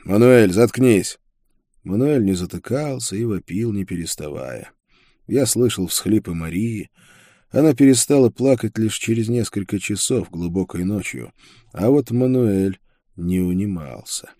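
A male narrator reads a dark story in the first person with a measured, dramatic delivery. His voice sits very low and has a dark tone. The recording is dry and close, with no room sound. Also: lively intonation, no room sound. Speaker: audiobook narrator.

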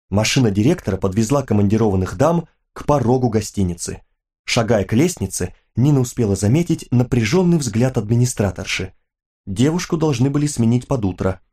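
A man narrating an audiobook in an even, measured way. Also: medium pitch. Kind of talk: scripted narration.

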